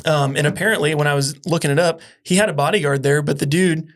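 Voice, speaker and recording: A man's voice: fairly high pitch, fairly even intonation, fast. A man hosting a podcast, asking questions in a joking, rambling way. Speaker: podcast host. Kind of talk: casual interview conversation.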